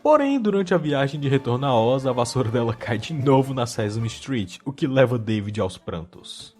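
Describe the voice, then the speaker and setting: A man's voice: medium pitch, sing-song, moderate pace, darkish tone, soft background music. A man with a Brazilian accent hosting a casual, humorous video essay, rambling into wry asides.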